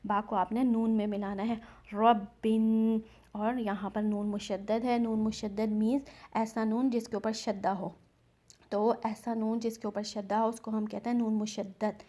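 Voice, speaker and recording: Woman, recitation teacher, level measured delivery, repeats drawn-out examples. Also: mid-range voice, flat delivery, dark tone. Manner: patient, explains each rule and repeats the drawn-out chanted example words. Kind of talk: step-by-step recitation lesson.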